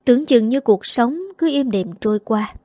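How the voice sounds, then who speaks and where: A woman narrating a dramatic story in an emotive, measured way. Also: a little high, dark tone, no echo.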